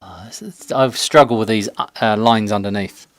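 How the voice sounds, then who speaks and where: Painting during a pinball-build live stream in his home workshop, a man chats in a relaxed, self-mocking way at normal speed with a lower voice. An off-camera desk mic captures him dry and close with no room sound, and he drops almost to a whisper when he concentrates.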